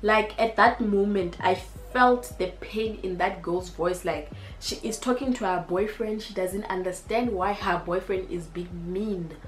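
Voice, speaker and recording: A young South African woman with a South African accent, telling a storytime vlog in an animated, slangy way with lots of repetition. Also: mid-range voice. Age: young adult. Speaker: YouTuber. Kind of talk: storytime vlog, casual chat. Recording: echoey room with faint music.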